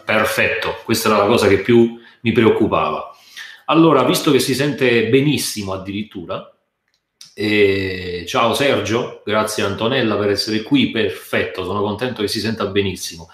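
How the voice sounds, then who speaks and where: A male guitar teacher chatting casually on a live stream from his sofa at home, halting and restarting his sentences, a little nervous. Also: lowish voice, roomy sound.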